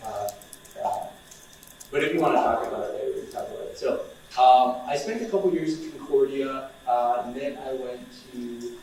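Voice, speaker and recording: A man's voice: medium pitch, normal speed, far from the mic, slight background noise. Young male speaker, loose and conversational with students; room echo, mic set back. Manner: relaxed and chatty, many fillers and restarts. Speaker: outreach coordinator speaking to students. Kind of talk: informal talk to students.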